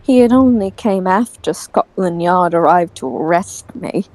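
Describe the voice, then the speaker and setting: In an audio drama, a woman voices a proud, easily exasperated young aristocratic boy who speaks in a dry, formal, indignant way, earnestly recounting events. Her voice is fairly low, expressive and unhurried with a darkish tone, and there's no room sound.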